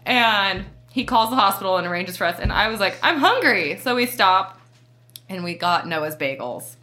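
A woman's voice: mid-range voice, moderate pace. A young adult woman chatting casually on a podcast, telling her story with lots of "like" and acting out what others said. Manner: animated storyteller who acts out what others said; frequent "like" fillers.

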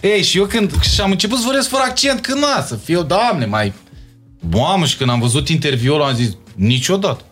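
A young interview guest with a Moldavian Romanian accent speaks casually and repeats words to stress his points. His voice is on the high side, expressive, husky, and fairly bright in tone. Faint music can be heard behind him.

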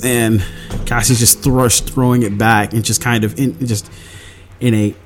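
A man's voice: medium pitch, little pitch movement, unhurried, soft background music. Man rambling through a game recap. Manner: meandering storytelling, acts out quotes. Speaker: tabletop game player. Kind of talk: casual campaign recap.

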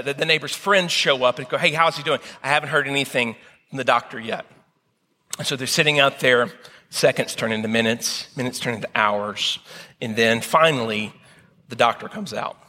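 Bright-voiced man telling a sermon story. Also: on the high side, long reverb tail. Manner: dramatic pauses, slow deliberate retelling.

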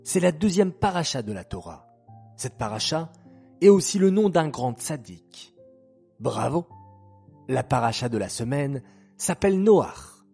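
A man narrating a children's story slowly and gently, speaking directly to young listeners. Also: mid-range voice, sing-song, gravelly, breathy edge, faint music behind. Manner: slow, gentle, addresses children.

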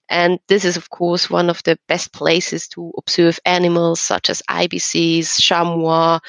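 A woman from eastern Switzerland, a regional tourism representative appearing as a podcast guest, explains things in a conversational interview. Her medium-pitched voice is gravelly, and the recording is close and dry with no room sound.

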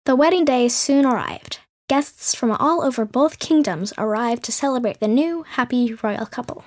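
A woman's voice: on the high side, normal speed, a little mellow. A woman telling a fairy tale as the show's storyteller in scripted narration, with playful, sarcastic asides.

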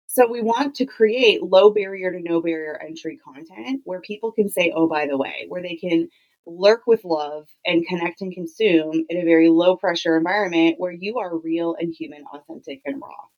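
A woman with a slightly low voice speaks as a solo podcast host. She teaches in a conversational style. Her delivery is emphatic, with phrases repeated to make points land. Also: moderate pace, muffled recording. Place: home clothes closet used as podcast booth.

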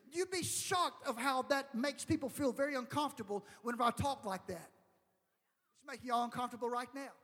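Preacher guy, really high-pitched, sing-song preaching, big hall echo. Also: fairly bright tone. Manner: fervent preaching, chanting up and down in a sung cadence; shifts into fast, low, conversational asides. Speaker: pastor. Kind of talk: sermon. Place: church fellowship hall. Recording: long hall reverb.

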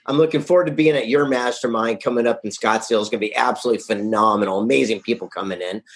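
A man speaking as an interview guest, his voice sitting in a middle pitch. He sounds upbeat and punchy, making his points in a blunt, casual way. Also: very fast. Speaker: guest, author and event founder. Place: Carlsbad, California.

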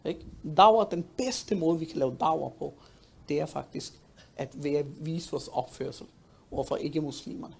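A man speaking at a youth talk, emphatic and animated, often repeating words to drive a point home. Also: on the high side, gravelly, slightly rough. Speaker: panel speaker.

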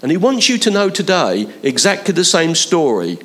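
A man's voice: on the high side, huge pitch swings, normal speed, a bit bright. A man preaching a conversational sermon, building to emphatic appeals to his listeners. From London, England.

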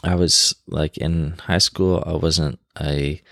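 Deep, slow, gravelly man podcasting casually. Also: steady tone, fairly bright tone, no room sound, studio quality. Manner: rambling, unscripted, informal. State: tired. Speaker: podcast host. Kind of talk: casual solo podcast chat. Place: bedroom in a new home, on his bed.

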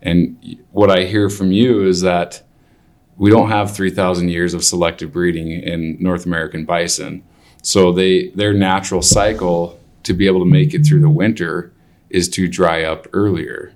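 An older man, a cattleman acting as interviewer, thinking aloud deliberately as he puts questions together piece by piece. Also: low-pitched, fairly even intonation, darkish tone.

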